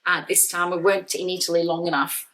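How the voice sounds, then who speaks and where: A woman's voice: on the low side, flat delivery, fast, fairly bright tone, rough recording. A woman in her fifties hosting a family travel vlog, chatting casually and laughing easily. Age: 50s. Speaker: vlog host. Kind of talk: casual chat.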